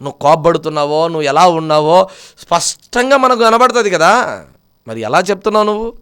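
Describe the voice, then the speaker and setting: A man preaching a sermon, swinging between loud, pleading rhetorical questions and quiet, low asides. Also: expressive, a little fast, clear, resonant tone.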